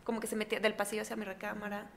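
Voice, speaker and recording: A woman's voice: medium pitch, racing, vocal fry, a little hiss or hum. A young woman with a Mexican accent, chatting casually as a guest and acting out the voices in her stories. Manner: chatty, animated retelling with quoted voices. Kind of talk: casual storytelling. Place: coworking space.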